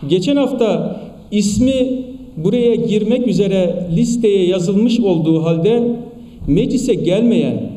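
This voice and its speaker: A male politician giving an emphatic, rhetorical speech at a podium microphone to a party meeting, with repeated phrases and pauses. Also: high voice, mellow. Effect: speaking at a podium microphone in a large hall. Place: large meeting hall in parliament. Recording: echoey hall, distant mic.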